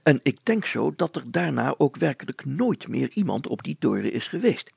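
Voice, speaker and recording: A man reading aloud as an attentive man who questions someone in a measured, probing way. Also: medium pitch, big pitch swings, gravelly, slightly rough, no room sound, heavily acted. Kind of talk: audiobook dialogue reading.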